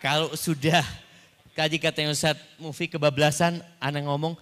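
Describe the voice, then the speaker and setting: A man's voice: fairly high pitch, level tone, moderate pace, fairly bright tone, in a large hall. A man speaking as an ustadz on a panel, giving religious advice to a congregation in a light, joking manner.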